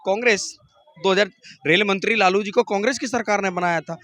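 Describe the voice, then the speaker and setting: Argumentative man with a piercingly bright voice. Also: high voice, fairly quick. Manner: argumentative, rhetorical questions, repeats phrases for emphasis. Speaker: member of the public being interviewed. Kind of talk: street political interview.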